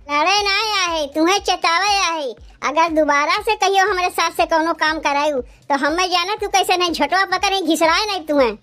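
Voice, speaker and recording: A woman's voice: very high-pitched, bright, forceful tone. A woman voicing quarrelsome young village daughters-in-law with an Awadhi accent, taunting and bickering.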